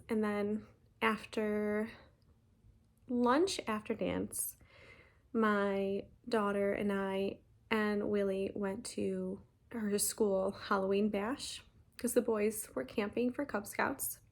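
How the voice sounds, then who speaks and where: A woman, chatting casually in a stitching vlog, talking fast and rambling with many ums and restarts. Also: a little high. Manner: talks fast. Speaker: flosstube host.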